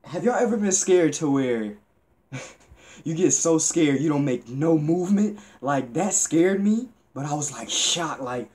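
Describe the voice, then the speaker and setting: A man's voice: a little high, lively intonation, unhurried, darkish tone. A young man giving casual reaction commentary, repeating phrases as he talks to viewers. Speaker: reaction video host. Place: dim indoor room.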